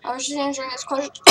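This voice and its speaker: A woman's voice: sits high, bright, forceful tone, low-quality recording. A woman rambling casually in a vlog while eating and coughing, talking with her mouth full. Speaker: vlogger.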